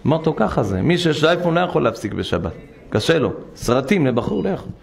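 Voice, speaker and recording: A man's voice: fairly high pitch, creaky. A man, a rabbi, giving a synagogue sermon full of vivid stories, voicing the people in them. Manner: animated storytelling, voices the people in his stories.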